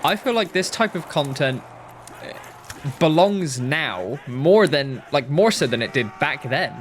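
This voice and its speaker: A man's voice: fairly high pitch, expressive, measured pace, slight background noise. A man in his thirties, a gaming YouTuber rambling through casual commentary over gameplay with lots of swearing and self-mockery, talking into a headset mic.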